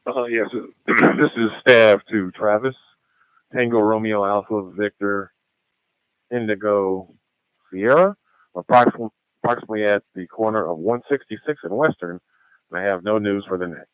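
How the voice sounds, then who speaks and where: A man checking in to an emergency radio net over a two-way radio transmission, spelling his call sign phonetically in a halting way. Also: fairly low pitch, fairly even intonation, clean tone, dry recording. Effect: heard over a two-way radio transmission. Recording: tinny radio band, distant.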